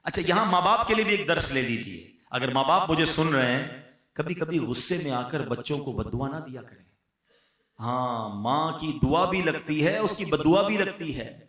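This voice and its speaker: A man with a Pakistani Urdu accent giving an earnest religious sermon, rising to emphatic lines and dropping to soft ones. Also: on the high side, lively intonation. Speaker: preacher. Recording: echoey hall, voice from far off.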